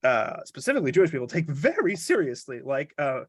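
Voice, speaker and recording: A man with a fairly high voice chats on a podcast, wandering off on joking, self-deprecating tangents. The sound is dry and close, with no room around it. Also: big pitch swings, brisk, slightly rough, dry recording. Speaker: podcast co-host. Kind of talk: casual podcast conversation.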